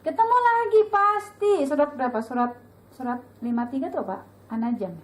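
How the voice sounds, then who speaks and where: High-voiced chatty woman teaching a group. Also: moderate pace, low-quality recording. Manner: lively, chatty, acts out dialogue with sudden high pitch. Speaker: religious teacher at a women's study group. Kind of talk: casual religious talk to an audience.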